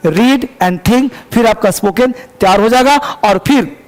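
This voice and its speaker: A man with a strikingly high voice gives an emphatic English lesson. He repeats key words and asks and answers his own questions. His voice rings with a long reverberant tail from the room. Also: slow. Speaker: English teacher. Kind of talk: motivational spoken-English lesson.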